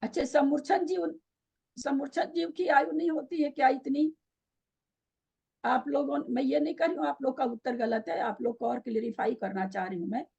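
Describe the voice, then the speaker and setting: A woman's voice: high voice, normal speed, vocal fry, mellow, muffled recording. A woman teaching a scripture class online, questioning her students and patiently explaining by repeating the key terms.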